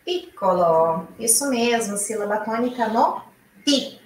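A woman from Brazil teaching an online Italian lesson, explaining slowly and repeating each example aloud. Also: fairly high pitch, expressive, a bit bright, reverberant, recorded from a distance, a little hiss or hum, poor audio.

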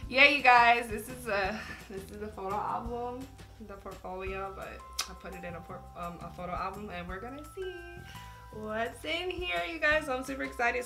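A young woman hosting an art vlog, chatting casually and gushing excitedly with lots of exclamations. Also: medium pitch. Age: young adult. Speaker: art channel host.

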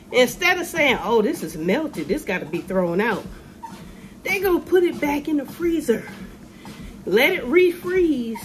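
A middle-aged woman ranting to a phone camera in a casual vlog, animated and sassy, with sudden high exclamations. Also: a little hiss or hum. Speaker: vlogger. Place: room with ceiling lights, indoors. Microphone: phone camera held below face.

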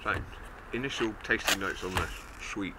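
Deep-voiced man talking around a pipe. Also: heavy background noise. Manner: unhurried, halting, with many pauses. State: pipe in mouth. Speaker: pipe tobacco reviewer. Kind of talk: casual review monologue.

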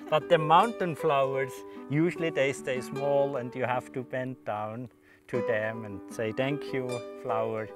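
An older man who keeps an alpine garden, explaining plants slowly and gently outdoors on a mountain meadow. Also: mid-range voice, steady tone, over music. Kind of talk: casual chat.

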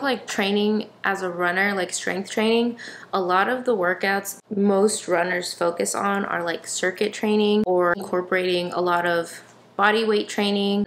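A woman's voice: on the low side, a bit bright, a little hiss or hum. A woman in her twenties talking casually to the camera in a chatty, explanatory way, like a vlogger, indoors at home. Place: indoors in an apartment.

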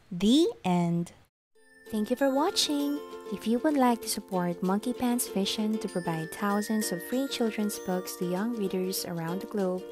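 A woman reading a children's picture book aloud with slow, expressive storytelling. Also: mid-range voice.

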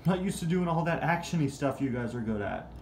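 A man voicing a tired, sneezy male toy car who keeps apologizing in a gentle, worn-out way. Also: a little high, lively intonation, quick pace, echoey room. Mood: weary.

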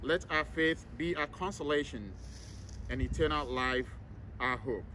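A man leading a solemn graveside prayer as a priest, reciting in a measured, formal way outdoors. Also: a little high, sharp tone. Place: outdoors in an open cemetery. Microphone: camera several meters away, speaker masked. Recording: outdoor recording with clear background noise.

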